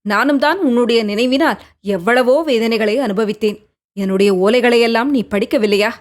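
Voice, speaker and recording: A woman voicing a gentle young prince who coaxes and pleads with the woman he loves in an audiobook. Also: a little high, moderate pace, lightly acted. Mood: tender. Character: young prince, tender, coaxing, devoted lover. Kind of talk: audiobook character reading.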